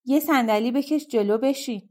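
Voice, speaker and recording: A woman's voice: high voice, a little mellow. A woman reading a storybook, voicing a friendly male dwarf who chats hospitably to a guest. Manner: hospitable, chatty.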